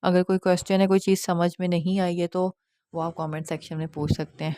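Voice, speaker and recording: A woman teacher explains recitation rules patiently and checks often that her listeners understand. Her voice sits a little low. The recording is close and dry, with no room sound. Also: level tone, warm tone, no echo. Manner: patient, explains step by step, often asks "theek hai?"; demonstrates nasal sounds slowly. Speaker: Quran tajweed teacher. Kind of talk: online lesson.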